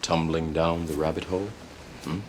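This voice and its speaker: A deep, slow rebel mentor. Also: male voice, flat delivery, a little mellow. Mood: calm. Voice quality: deep, measured, formal. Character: calm, commanding male rebel mentor. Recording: film soundtrack with clear ambient noise.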